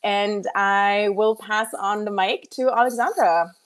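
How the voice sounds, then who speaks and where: A woman's voice: mid-range voice, fairly even intonation, a little slow, clear, resonant tone. A woman in her thirties introduces herself on an online panel. She works as a university faculty advisor. She sounds friendly, with a touch of self-deprecating humor.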